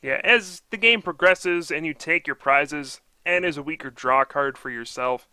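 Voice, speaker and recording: A man's voice: fairly high pitch, moderate pace, sharp tone, smooth, no room sound. A man doing live card game commentary, upbeat and analytical, explaining each play.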